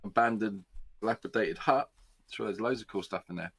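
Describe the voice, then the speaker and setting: A man's voice: fairly low pitch, a little fast, fairly bright tone, breathy edge. A man playing through a gamebook, making dry, wry comments. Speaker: player. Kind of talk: casual banter during a game.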